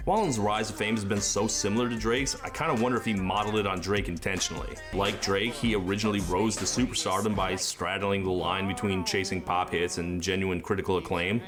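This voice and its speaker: A man's voice: fairly low pitch, steady tone, brisk, few pauses. A man giving a scripted music review in a dry, sarcastic way, with music playing underneath. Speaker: music critic.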